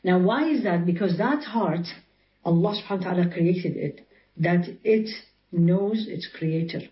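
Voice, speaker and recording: A woman's voice: on the low side, normal speed, muffled recording. A woman with an Arabic accent, a religious teacher explaining in an interview, asking rhetorical questions and quoting scripture in Arabic. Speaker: Islamic teacher.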